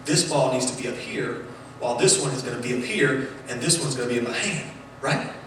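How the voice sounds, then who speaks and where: A man preaching a sermon in a church, playful and animated, joking with the congregation as he talks. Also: mid-range voice, brisk, a little hiss or hum. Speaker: pastor. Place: church sanctuary. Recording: roomy echoing church hall, mic at a distance.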